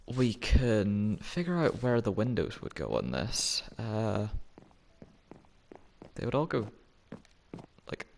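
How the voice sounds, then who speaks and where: A man's voice: fairly low pitch, sing-song, slow pace, gravelly, long pauses, darkish tone, slight background noise. A man talking to himself in a casual, rambling way while he plays a building game and chats to the viewers. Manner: rambling, self-talking, playful. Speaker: Minecraft gameplay commentator. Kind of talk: casual gameplay commentary.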